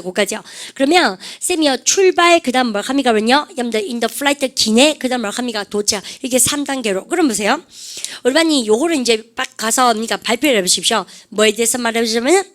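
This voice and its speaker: A woman's voice: a little high, a bit bright. A Korean woman teaching an English vocabulary lesson, prompting students to repeat phrases in call-and-response drills.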